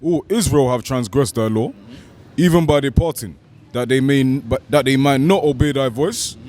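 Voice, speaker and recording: A man at mid pitch reads scripture aloud at a steady, measured pace. He calls out each chapter and verse before he reads it. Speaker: scripture reader.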